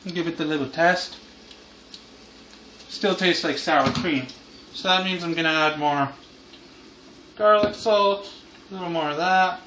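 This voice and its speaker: Speaking at a measured pace and pausing often, a man in his thirties rambles casually as he hosts a home cooking vlog. The stoner-ish, laid-back chat is recorded indoors in his kitchen on roomy, muffled camera audio, a deep fryer sizzling away.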